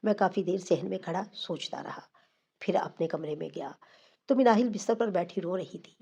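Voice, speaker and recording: A woman storyteller reading an emotional story aloud in a steady, scripted narration. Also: fairly low pitch, creaky, breathy edge, lo-fi sound.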